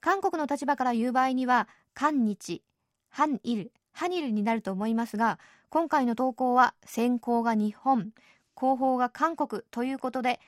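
Woman radio host, chatty and easygoing, fairly high voice, dry close studio sound. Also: no room sound. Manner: chatty, adds soft tag particles often. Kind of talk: radio program presenting.

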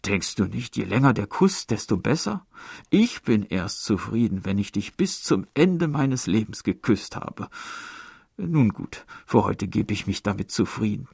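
A man doing a young lover who pours out theatrical declarations, pleading and gushing. The voice is low, gravelly and slightly husky, set in a dry, close recording. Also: big pitch swings, a little slow, a little mellow, no echo, full character voice. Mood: ardent. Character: ardent young male lover, pleading and passionate.

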